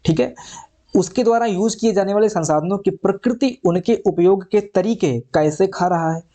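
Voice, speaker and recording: A male teacher walks students through an exam prep lesson, returning to each point and checking in with them often. His voice sits a little high but sounds mellow and soft. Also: moderate pace. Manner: repeats points, checks with "ठीक है". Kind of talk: online exam lecture.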